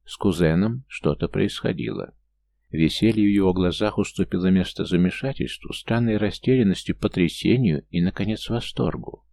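A man narrating an audiobook in a steady storytelling manner. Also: low voice, moderate pace, vocal fry.

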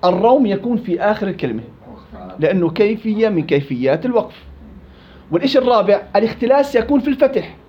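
Man, recitation teacher, fast, high-pitched, muffled lo-fi classroom recording. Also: animated. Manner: explains by repeating and contrasting rules. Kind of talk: classroom tajweed lesson. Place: classroom with students.

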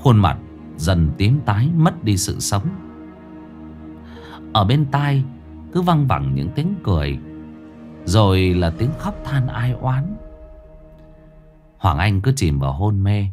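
A man narrating a ghost story in a dramatic, expressive way. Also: fairly low pitch, takes it slowly, long pauses, over music.

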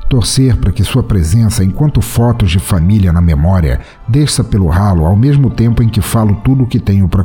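A podcast host with a Brazilian Portuguese accent reads a short story aloud, using theatrical, playful pauses. His voice is deep and warm in tone.

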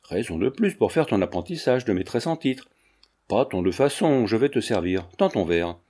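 Homme qui joue un baron suave et rusé, calme, voix sombre, lecture de livre audio. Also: male voice, on the low side, moderate pace. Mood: coaxing. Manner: smooth, coaxing, unruffled. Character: suave scheming baron, middle-aged man. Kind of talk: audiobook character reading.

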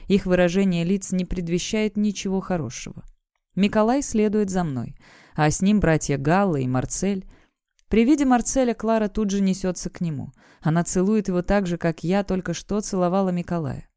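Audiobook narrator, female, low-pitched, smooth warm voice, dry close recording. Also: normal speed, no room sound. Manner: acts out the shouting parents and lovers in her own voice. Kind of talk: first-person audiobook narration.

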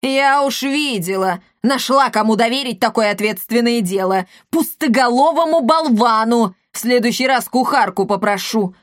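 A woman voicing a bossy, hot-tempered commandant woman who scolds and shouts at children in a storybook reading. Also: fairly high pitch, normal speed, few pauses, no room sound, clean studio sound, voice pushed up, close to an everyday voice. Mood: scolding.

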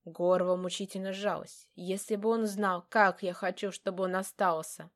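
A woman narrating a first-person fantasy novel in a measured, expressive reading voice. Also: medium pitch. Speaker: audiobook narrator.

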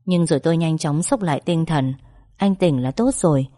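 A woman narrating an emotional first-person story in a soft, feeling way. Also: sits low, lively intonation, normal speed. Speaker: audiobook narrator.

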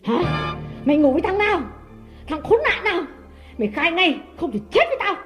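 A man voicing a jealous, abusive woman who shrieks threats at her maid in a high falsetto. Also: very animated, brisk, music in the background. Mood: furious. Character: harsh shrill jealous mistress, middle-aged woman.

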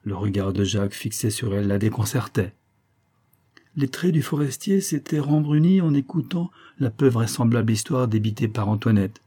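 Husky male audiobook narrator, dark tone, measured reading. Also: medium pitch, expressive.

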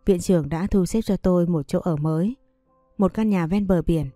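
A woman voicing an older woman doctor near retirement, who speaks in a calm, measured way. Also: fairly low pitch, dry recording, clean studio sound, faint music behind, close to an everyday voice.

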